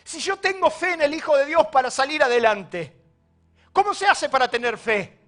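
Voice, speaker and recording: A very high-voiced male pastor preaches a sermon. He acts out the people in the story, swinging between loud bursts and quiet lines. Soft music plays faintly beneath him. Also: animated, normal speed.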